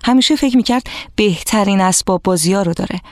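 A woman narrating a storybook for children, lively and expressive, speaking to the young listeners directly. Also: medium pitch, no echo, clean studio sound.

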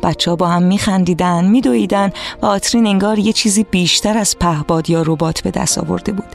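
A woman narrating a storybook for children, lively and expressive, speaking to the young listeners directly. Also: on the low side, creaky, faint music behind.

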